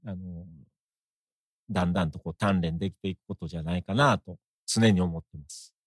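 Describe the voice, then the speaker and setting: Low-voiced Osaka-accented man, dry sound. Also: a little fast, no echo. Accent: Osaka Japanese. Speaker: guest. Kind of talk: conversational interview.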